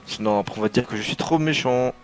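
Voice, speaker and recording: A man's voice: medium pitch, fast talker, faint music behind. A man co-commentating motor racing live, casual, opinionated and mocking.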